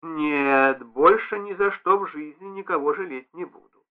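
A man's voice: a little high, unhurried, lightly acted. A man reading aloud and voicing a stout, fussy middle-aged concierge woman who talks in a wheedling, reproachful, effusive way. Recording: tinny band-limited radio broadcast.

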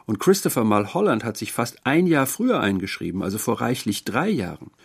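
A man's voice: medium pitch, very animated, a little fast, vocal fry, slightly rough, voice pushed up, exaggerated voice. A man voicing a curious young male lodger, polite and eager, with an earnest, inquisitive manner.

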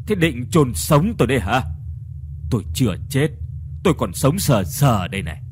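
A man voicing an old village man who has come back from the dead, calm and matter-of-fact. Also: medium pitch, moderate pace, background noise, natural voice. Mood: indignant.

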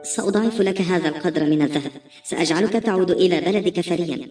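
A woman's voice: lowish voice, fast, a little mellow, echoey room, lightly acted. A woman reading the part of a desperate pregnant young woman who pleads earnestly, heard from a distance with faint music. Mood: pleading.

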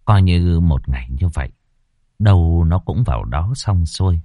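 A man narrating a ghost story in a dramatic, expressive reading style. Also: low voice, moderate pace, no room sound.

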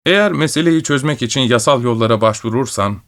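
A man voicing a clever, dry-witted male detective who speaks briskly and wryly. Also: medium pitch, a bit bright, natural voice.

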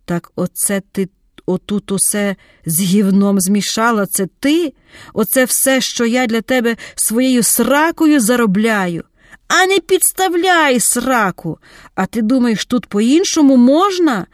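A woman's voice: medium pitch, fairly even intonation, measured pace, a little mellow, no room sound, clean studio sound, lightly acted. A woman voicing a crude, menacing middle-aged man who curses and bullies his lover. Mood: furious. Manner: coarse, bullying and cursing.

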